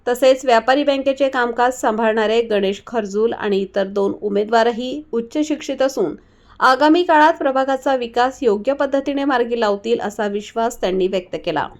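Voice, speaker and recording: A woman news reporter reading a scripted voice-over in a steady, formal way. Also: a little high. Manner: steady formal reading, quick through name lists.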